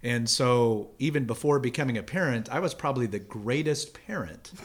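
A man's voice: mid-range voice, moderate pace, breathy edge. A middle-aged man hosting a casual chat, easygoing and self-deprecating, once a middle school teacher. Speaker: host.

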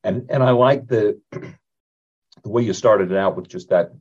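A man's voice: on the low side, measured pace, darkish tone. A male host interviewing a guest, searching for his words with fillers and restarts. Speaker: podcast host. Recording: dull lo-fi sound.

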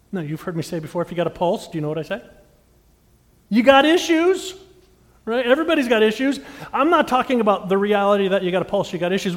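A middle-aged male pastor with a high, bright-pitched voice delivers a sermon, putting questions straight to the congregation. He swells to loud emphatic peaks, then drops to near-quiet confiding passages. The sound rings with the long reverb of a large hall. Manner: dynamic, swings from loud emphatic lines to hushed intimate ones; talks directly to the congregation with questions.

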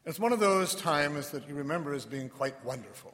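A man speaking as a priest in church, measured and reflective, with pauses between phrases, in a cathedral echo. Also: a little high, animated, a bit bright. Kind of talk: liturgical reading and sermon. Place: large reverberant church interior.

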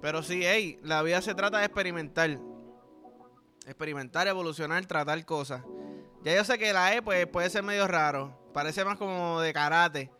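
Bright high-voiced Puerto Rican man. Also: moderate pace, faint music behind. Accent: Puerto Rican Spanish. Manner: rambling, crude and playful, often checks in with the listener. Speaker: podcast host. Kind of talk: casual comedic podcast chat.

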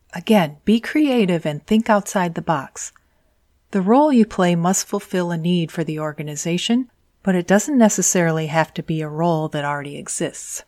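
A woman presenting scripted advice to viewers in an orderly, measured way, setting out her points clearly one by one. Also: lowish voice.

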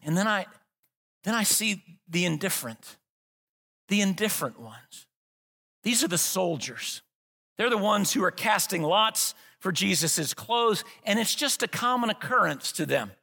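A man preaching a sermon as pastor, swinging from low hushed passages to loud shouted climaxes. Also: very animated, unhurried, gravelly, slightly rough. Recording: long hall reverb.

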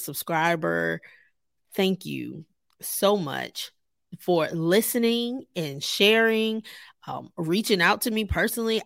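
A woman's voice: fairly low pitch, vocal fry, a bit bright, no echo, studio quality. A woman hosting her own podcast, talking casually and animatedly straight to her listeners, laughing often. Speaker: podcast host. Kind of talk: casual solo podcast talk.

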